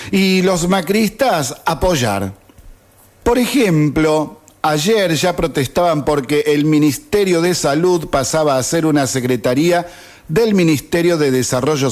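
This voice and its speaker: A man's voice: fairly high pitch, a little mellow. A man in his fifties with an Argentine accent, reading a sarcastic opinion editorial on radio. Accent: Argentine Spanish. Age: 50s. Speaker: radio host. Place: radio studio.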